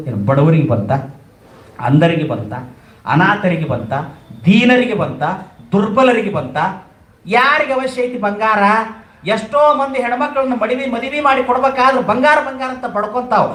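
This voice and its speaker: A man with a North Karnataka Kannada accent giving a sermon, speaking emphatically, repeating phrases and swinging his pitch up and down. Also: roomy sound, a little hiss or hum, rough recording. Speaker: religious discourse speaker.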